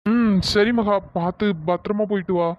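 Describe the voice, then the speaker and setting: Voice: mid-range voice, steady tone, normal speed, muffled recording, close to an everyday voice. A performer voicing an injured young man in a cartoon story, reassuring and teasing his girlfriend. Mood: playful. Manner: reassuring, playful.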